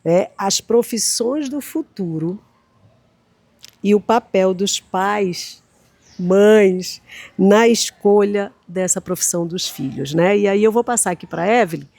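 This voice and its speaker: A woman's voice: mid-range voice, slow pace, a little mellow, no echo. A Brazilian woman hosting a podcast interview, effusive and welcoming as she introduces her guests. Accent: Brazilian Portuguese. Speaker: podcast host, school director.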